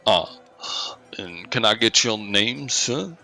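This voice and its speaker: A man voicing a big, gruff ogre carnival strongman in a tabletop game, polite and halting, with a deep voice. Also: animated, bright, forceful tone, no echo, faint music behind, exaggerated voice. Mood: polite, hesitant.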